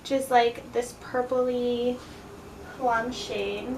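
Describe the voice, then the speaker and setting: A woman's voice: fairly high pitch, little pitch movement, very slow. A tipsy, playful woman giving a casual makeup tutorial, chatting loosely as she works. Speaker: makeup video host. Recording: distant, echoey, noisy room.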